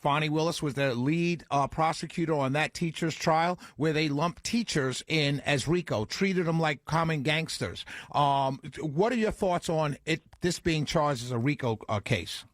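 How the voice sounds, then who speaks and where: A man from the United States hosting a radio interview, asking questions in a courteous, deliberate, halting way. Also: on the high side, no room sound, clean studio sound. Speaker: radio show host.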